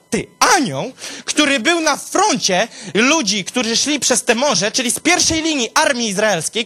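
A man delivers a sermon in a high voice, telling the story dramatically. He talks straight to his listeners, dropping to a low murmur and then rising to sharp, high exclamations. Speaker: preacher.

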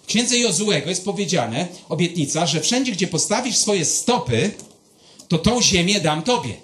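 A pastor giving a sermon, telling personal stories in a lively, conversational way and speaking straight to his listeners. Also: high voice, normal speed.

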